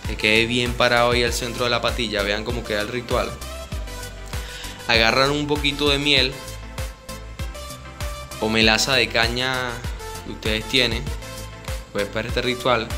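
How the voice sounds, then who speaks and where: A Venezuelan-accented man leads a home ritual and explains each step to the people watching. He talks directly to viewers and repeats his instructions over and over. His voice sits at an ordinary middle pitch, and music plays clearly behind him. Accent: Venezuelan Spanish. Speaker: spiritist ritual guide. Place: indoor room with a home altar.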